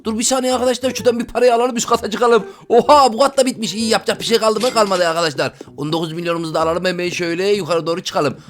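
Fast, high-voiced excitable gamer man. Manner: excitable, loud exclamations, chatty with viewers. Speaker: gaming YouTuber. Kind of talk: excited let's-play commentary.

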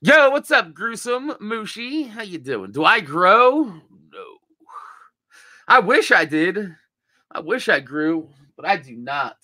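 A man's voice: sits high, big pitch swings, takes it slowly, pushed and bright, dry recording. A young man with a groggy morning voice, chatting casually to his live-stream viewers in a laid-back, rambling way with plenty of swearing. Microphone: desk mic.

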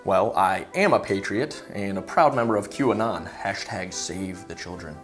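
A woman playing a deadpan, earnest conspiracy-theorist saleswoman in a comedy sketch, with a low voice. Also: measured pace, soft background music.

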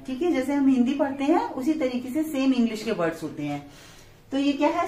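A woman with an Indian English accent teaching a preschool phonics lesson at a blackboard. She spells each word out letter by letter and then says it crisply. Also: sits high, a little mellow. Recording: echoey room.

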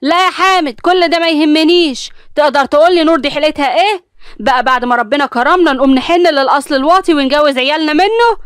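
A woman playing a shrill, furious Egyptian mother. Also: fast talker, no room sound, clean studio sound, close to an everyday voice. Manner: angry, scolding. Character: shrill scheming middle-aged mother.

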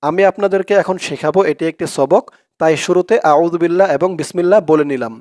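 Bangladeshi male teacher, smooth ringing voice, patient letter-by-letter recitation lesson. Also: fairly high pitch, darkish tone, no echo, clean studio sound. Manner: slow, drawn-out recitation of each word, then plain explanation. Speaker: Quran and dua teacher. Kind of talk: spelling out and reciting an Arabic prayer for viewers.

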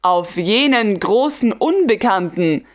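A woman reading the lines of a smug, carefree young male guard lieutenant in an audiobook, calm and teasing. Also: high-pitched, slow pace. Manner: calm, self-satisfied, teasing. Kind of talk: audiobook dialogue.

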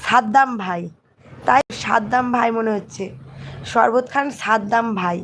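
A hoarse woman, chatting casually on a phone livestream and greeting viewers by name. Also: a little high, moderate pace, a little hiss or hum. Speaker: live streamer. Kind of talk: casual live chat reading comments.

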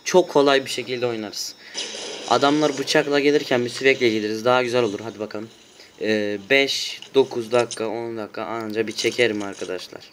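A man giving loud, excitable commentary while playing a shooter game at home, often shouting and swearing at his teammates. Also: medium pitch, brisk, a little hiss or hum. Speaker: gaming YouTuber.

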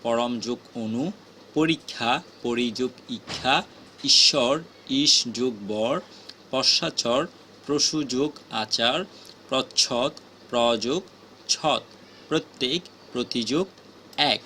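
A man teaching grammar, reading out word after word and splitting each into its parts in a slow, measured drill. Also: medium pitch, bright, forceful tone, a little hiss or hum.

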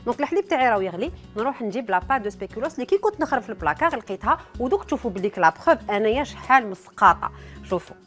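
A woman's voice: a little high, big pitch swings, racing, a bit bright, faint music behind. A woman with an Algerian accent presenting a cooking demonstration, chatting straight to her viewers with frequent asides.

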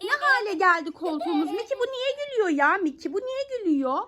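A woman's voice: very high voice, quick pace, very noisy. A woman vlogger playfully scolding and questioning a child, firing question after question. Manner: mock-scolding, questioning, animated.

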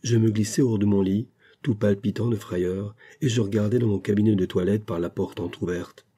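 A man narrating a classic detective story as an audiobook, in a measured, steady storytelling voice. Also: lowish voice, breathy edge. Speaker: audiobook reader.

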